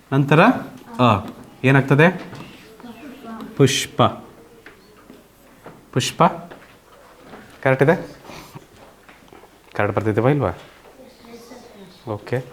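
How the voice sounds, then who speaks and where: Slow patient man teaching online. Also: mid-range voice, slight background noise. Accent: Karnataka. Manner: slow, patient, keeps checking students understand. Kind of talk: online Kannada grammar lesson. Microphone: computer mic on an online class call.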